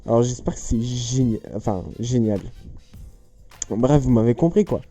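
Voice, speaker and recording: A man's voice: medium pitch, moderate pace, dark tone, faint music behind. A man chatting casually as he solves riddles aloud, rambling, joking and correcting himself mid-sentence. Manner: rambling, jokey, self-correcting. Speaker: youtuber. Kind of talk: casual chat solving riddles on camera.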